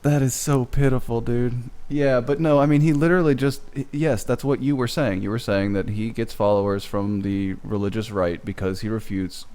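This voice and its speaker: A man's voice: medium pitch, steady tone, normal speed, few pauses, a little mellow, clear, resonant tone. A man co-hosting a casual podcast, talking bluntly and swearing. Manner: blunt, profane.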